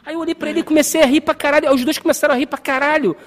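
A young man tells a story with a very high voice and a rapid pace. He acts out voices and sounds as he goes, under a long reverb. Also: fairly even intonation, a bit bright, slight background noise. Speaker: podcast storyteller. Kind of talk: casual storytelling chat.

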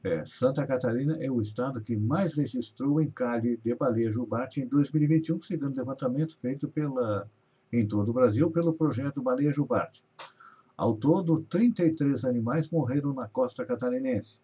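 Man from Brazil, news host, reads headlines with emphasis, mellow husky voice. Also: mid-range voice, normal speed. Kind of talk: reading regional news on a live show. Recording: dull lo-fi audio.

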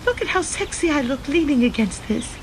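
Really high voiced girl, dramatic and whiny complaining traveler bit, swoopy, noisy recording. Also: lively intonation, a little fast.

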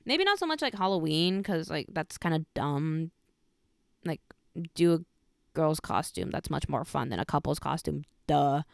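A woman's voice: sits low, moderate pace, creaky, dry recording, studio quality. A woman in her twenties hosting a podcast, chatting casually and giggling as she talks about her life. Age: 20s. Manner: chatty, giggly, animated storytelling. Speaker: podcast host. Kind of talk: casual chat.

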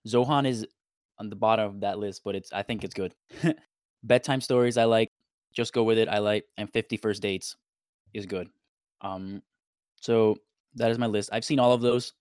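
Low-voiced young man, rambling casually. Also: steady tone, normal speed, pauses often, a little mellow, no room sound, studio quality. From Puerto Rico. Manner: rambling, enumerates points. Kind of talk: casual podcast chat.

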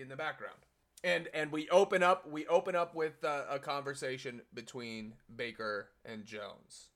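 Slow, hesitant male podcast host. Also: a little high, pushed and bright. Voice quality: halting, hesitant, many "uh"s and restarts. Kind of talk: casual banter.

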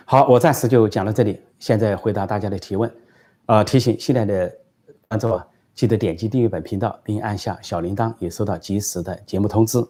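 A man's voice: fairly low pitch, fairly quick, dark tone. A male channel host telling a joke and then answering viewer questions, with frequent hesitation fillers. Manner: plain storyteller, frequent fillers. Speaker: political commentary host.

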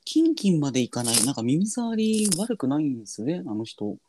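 A man's voice: fairly high pitch, very animated, a little fast, background noise. A man chatting casually as a podcast guest, humble and polite with mock-formal turns of phrase. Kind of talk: casual chat.

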